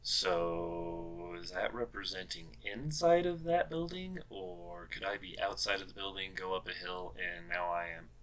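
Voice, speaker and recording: A man's voice: sits low, unhurried, few pauses, fairly bright tone, low-quality recording. A man hosting a casual show, reading out odd laws and musing over them in a wry, puzzled way with many fillers. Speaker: host.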